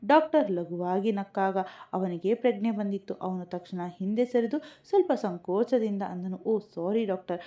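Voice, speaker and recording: A woman reading a scripted family story aloud in an even, gentle storytelling manner. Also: mid-range voice, normal speed.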